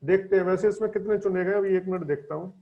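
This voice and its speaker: High-voiced man teaching English vocabulary. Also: fast talker, creaky, a little mellow. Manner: explains words and quizzes students with questions. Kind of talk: newspaper vocabulary lesson. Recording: dull lo-fi sound.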